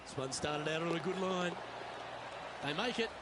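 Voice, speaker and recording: A man giving golf play-by-play commentary in short, measured phrases of understated approval. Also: on the high side, expressive, background noise.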